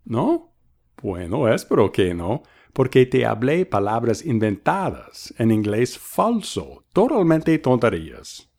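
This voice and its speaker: A man's voice: medium pitch, wildly swooping pitch, slow pace, darkish tone. A man hosting a bilingual English lesson, patiently modelling phrases and repeating them for practice. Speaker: English teacher and host.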